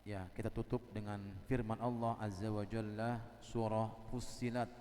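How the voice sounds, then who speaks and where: A man giving a sermon, animated and joking as he acts out little scenes. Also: fairly low pitch, normal speed. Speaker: preacher. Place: prayer hall. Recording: hall reverb.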